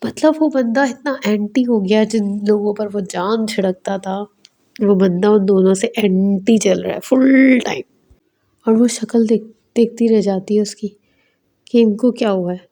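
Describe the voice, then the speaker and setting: A woman's voice: medium pitch, warm tone. A woman with a Pakistani Urdu accent, recapping a TV drama episode in a casual, chatty way and briefly voicing the characters' lines as she retells them. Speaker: drama reviewer.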